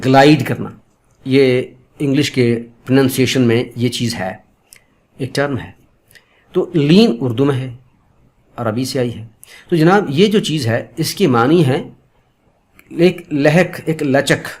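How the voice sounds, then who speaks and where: A man giving an online pronunciation lesson, explaining patiently and repeating example sounds slowly, politely addressing viewers as friends. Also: mid-range voice, a little mellow. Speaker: Urdu pronunciation teacher.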